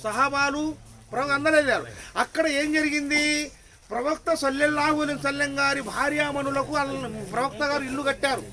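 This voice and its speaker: Hoarse high-voiced preacher. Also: male voice, fairly even intonation, fast talker, low-quality recording. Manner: rhetorical questions to the crowd, rising to shouts. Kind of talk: sermon at a religious gathering.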